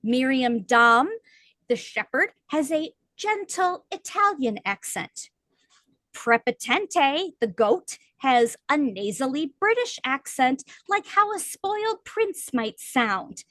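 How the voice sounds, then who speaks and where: A woman co-hosting a book podcast in casual chat, explaining points at length with lively emphasis. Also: sits high, slow, no echo. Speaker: podcast co-host.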